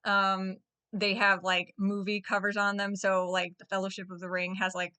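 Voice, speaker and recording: A woman's voice: medium pitch, level tone, normal speed, pushed and bright, clean tone. A woman in her thirties chatting casually about her books as a vlogger, gushing and full of fillers. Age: 30s. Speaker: book vlogger. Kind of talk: casual book chat.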